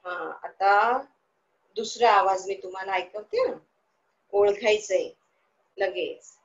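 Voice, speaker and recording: A woman's voice: medium pitch, takes it slowly, dull audio. A woman teaching young children in an online class, asking the class questions and answering them herself in a sing-song, coaxing way.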